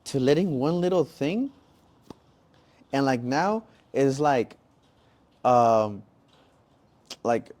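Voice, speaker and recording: A man's voice: medium pitch, lively intonation, very slow, long pauses, darkish tone. A man co-hosting a podcast in casual chat, rambling with lots of "bro" and "like". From Mexican-American family. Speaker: podcast co-host.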